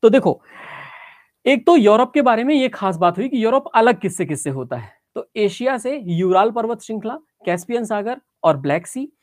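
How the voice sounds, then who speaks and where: A woman's voice: fairly high pitch, big pitch swings, moderate pace, a little mellow, dry recording, studio quality. A woman teacher giving a geography lesson, explaining step by step, checking in with her students and mixing English phrases into her Hindi.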